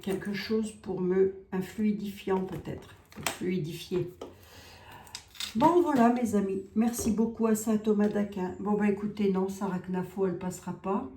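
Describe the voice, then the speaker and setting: A woman with a Lorraine French accent doing a casual tarot reading, folksy and chatty, a bit hoarse from a cough. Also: medium pitch, fairly even intonation, normal speed, few pauses, mellow, echoey room, slight background noise. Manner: folksy, peppers speech with "hein". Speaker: tarot card reader.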